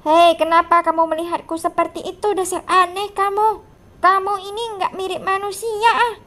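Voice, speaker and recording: A woman's voice: very high-pitched, level tone, moderate pace, pushed and bright. A woman voicing mean, teasing schoolkids in a game role-play. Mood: mocking. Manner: teasing, mocking.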